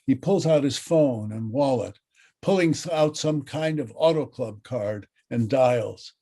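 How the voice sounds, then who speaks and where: A man's voice: medium pitch, unhurried, dark tone. A man narrating the stage directions of a script reading in a dry, matter-of-fact way.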